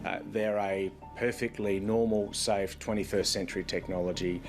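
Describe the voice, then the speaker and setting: A man speaking in a measured, reassuring way as an industry spokesman in an interview. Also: fairly low pitch, fairly even intonation. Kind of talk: unscripted interview. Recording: music under the voice.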